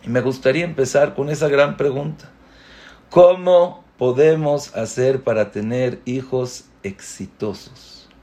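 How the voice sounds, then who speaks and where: A man giving a spoken Torah lesson in an earnest way. He asks rhetorical questions, repeats words for emphasis and climbs to emphatic high peaks on key points. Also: measured pace, dark tone.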